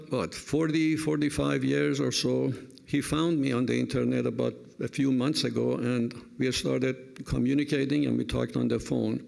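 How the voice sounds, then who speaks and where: Gravelly-voiced man in his seventies. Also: medium pitch. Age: 70s. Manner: reflective, anecdotal, warm humor. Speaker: retired-age professor giving a speech. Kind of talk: personal speech at an event.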